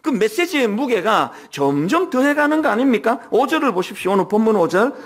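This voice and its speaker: An older male pastor in his sixties preaching a Sunday sermon, with a strikingly high voice that swings up and down in lively waves. He talks to the congregation in an easy, conversational way, full of personal stories, light humor and rhetorical questions. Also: fairly quick. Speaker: senior pastor. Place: church sanctuary.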